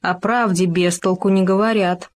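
A woman's voice: fairly low pitch, steady tone, normal speed, natural voice. A woman voicing a stubborn male hamster who muses in a thoughtful, self-important way. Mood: musing.

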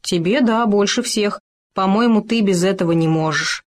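A small, timid ground squirrel from a storybook talks nervously but sensibly, as a woman reads him. Her voice sits at a middling pitch. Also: moderate pace, close to an everyday voice. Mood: earnest.

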